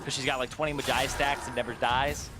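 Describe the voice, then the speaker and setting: A man's voice: medium pitch, flat delivery, quick pace, music in the background. A man giving analytical, joking color commentary on a live esports match. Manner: analytical, joking, laughs often.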